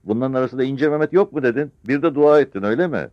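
A man's voice: sits low, expressive, rapid-fire, no echo, pitched above the performer's own voice. A furious army captain bellows his orders in a raised, harsh voice, as a male storyteller puts him on. His tone leaps wildly up and down, and the recording sounds dull and lo-fi in a dry, close space. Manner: barking, commanding shouts.

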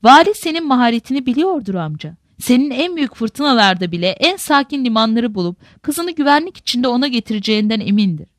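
A woman's voice: fairly high pitch, sing-song, brisk, few pauses, dry recording, clean studio sound. A woman voicing an earnest, respectful young man, a nephew, in a storybook reading. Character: eager young Venetian nephew, earnest youth.

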